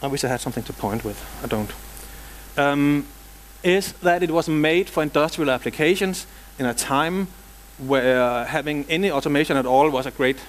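A middle-aged Danish man with a Danish accent gives a software conference presentation in a big hall, using a lapel mic. His voice sits a little high and he speaks at normal speed, dropping dry jokes and casual asides between technical points.

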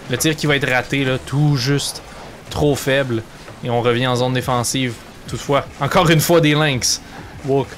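A man with a Quebec French accent doing excited sports commentary of a video game match in running, fragmented phrases. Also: medium pitch, slight background noise. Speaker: esports commentator.

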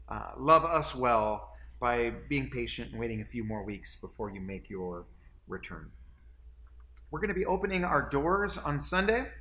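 A man's voice: mid-range voice, pushed and bright. A man in his forties, a pastor, seated in a small room making an earnest church announcement to camera, with frequent restarts and repeated words.

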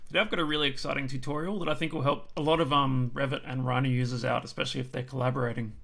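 An Australian man with a mid-range voice narrates a screen-recorded software tutorial at his desk mic, relaxed and chatty, filling pauses with ums. He's losing his voice, so it comes out hoarse and gravelly with heavy vocal fry.

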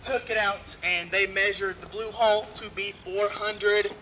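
A man's voice: sits high, little pitch movement, measured pace, pushed and bright, slight background noise, low-quality recording. A man guiding a tour group outdoors and into a cave, telling playful stories, heard from a visitor's camera a few meters away. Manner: upbeat, playful storyteller addressing a group. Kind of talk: joking guided tour talk. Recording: background music under the voice.

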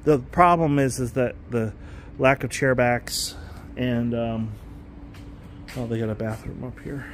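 A man of middle pitch narrates a stadium tour on his phone, enthusiastic and rambling as he stops to fix his own sentences. He sounds outdoors, with faint ambient noise and the occasional vehicle in the background. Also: steady tone, measured pace. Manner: rambling, enthusiastic, self-correcting. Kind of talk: casual walking vlog narration.

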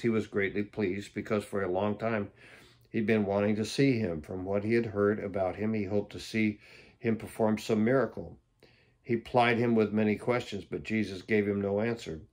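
A man's voice: lowish voice, darkish tone. A man reading Bible passages aloud for a daily devotion, breaking off now and then for plain, offhand comments. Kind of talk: Bible reading with casual asides.

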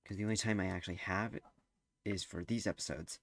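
A man's voice: low voice, steady tone, brisk, vocal fry, no echo. A teenage boy giving casual gameplay commentary, rambling and hesitant with lots of fillers. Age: teens. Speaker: gameplay streamer.

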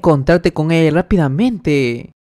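This is a chubby young boy who gets excited and eager, voiced by a man narrating a comic recap. The voice rises a little higher and louder than the narration. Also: slow pace. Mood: urgent.

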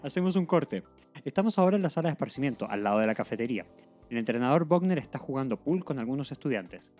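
A man's voice: medium pitch, animated, quick pace, a little mellow, faint music behind. A man co-hosting a podcast, narrating an episode steadily in a casual way. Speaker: podcast co-host.

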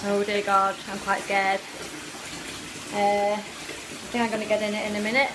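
A woman's voice: medium pitch, little pitch movement, normal speed. A woman in her thirties filming a casual vlog on a handheld phone in a small bathroom, nervous and exclaiming. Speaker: vlogger. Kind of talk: casual self-filmed vlog. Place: small tiled bathroom indoors. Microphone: handheld phone at arm's length. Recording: loud running bath water noise. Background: running tap water.

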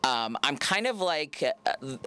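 A man's voice: a little high, very animated, takes it slowly, pushed and bright, smooth. A man from the Philippines, a radio DJ, chatting casually in an interview with easygoing jokes and frequent hesitations.

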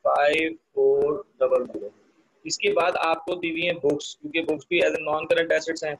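Male teacher, higher voice, online class, walks through sums step by step and quizzes students. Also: little pitch movement, moderate pace, fairly bright tone, husky, low-quality recording. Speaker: accounting teacher. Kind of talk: online accounting lesson.

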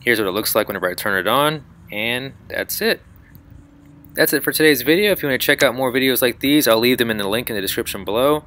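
A man's voice: medium pitch, animated, fast, sharp tone. A man hosting his own channel, walking step by step through a do-it-yourself build in an upbeat, explaining voice. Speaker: channel host. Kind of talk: DIY how-to walkthrough.

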